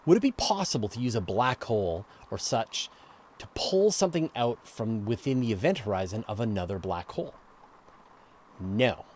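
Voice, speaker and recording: On his casual live space and astronomy Q&A show, a man speaks at medium pitch with a slightly mellow quality. He explains conversationally, step by step, stressing key words, with slight background noise behind him.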